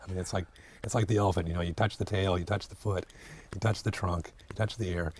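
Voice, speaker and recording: A man's voice: deep voice, steady tone, fast, slight background noise. A man in his late forties, an acupuncturist guest speaking reflectively in an interview, hesitant with many fillers and restarts. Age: 40s.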